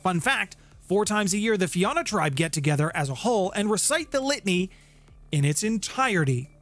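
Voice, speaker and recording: Brisk and bright, with a high voice that swings widely in pitch, a man in his thirties hosts a tabletop game lore channel, delivering semi-scripted narration to camera. He stresses points by stretching key words. The setting is a small home music room with background music, recorded on a close studio condenser microphone with a shield.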